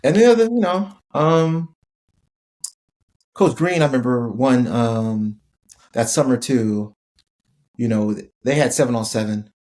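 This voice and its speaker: A man's voice: mid-range voice, unhurried, pauses often. Laid-back man telling a story. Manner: relaxed, laughing, lots of "like" fillers. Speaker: podcast guest, former college football player. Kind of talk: casual storytelling interview.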